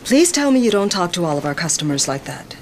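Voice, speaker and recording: A woman's voice: fairly low pitch, very animated, fast talker, noisy background. An actress playing a firm female supervisor who reprimands an employee in a workplace training drama. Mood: stern. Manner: firm, reproachful.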